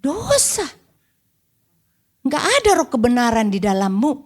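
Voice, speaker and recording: An older woman preacher delivers a church sermon in a high, bright voice. Her pitch leaps and swoops all the time. She keeps pressing her listeners with rhetorical questions. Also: a little slow. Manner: animated, rhetorical questions to the congregation. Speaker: evangelist preacher. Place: church service.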